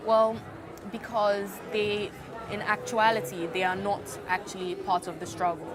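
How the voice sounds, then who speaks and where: A woman's voice: mid-range voice, flat delivery, a little slow, a crowd in the background. A young woman from Nigeria, a student, answering interview questions in a hesitant way, full of fillers and restarts. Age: young adult.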